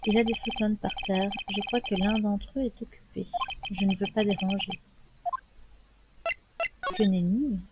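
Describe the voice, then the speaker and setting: A woman hosting a let's play, reading the game's text aloud evenly and adding soft casual asides. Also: mid-range voice, little pitch movement, a little fast, few pauses, very noisy. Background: game music.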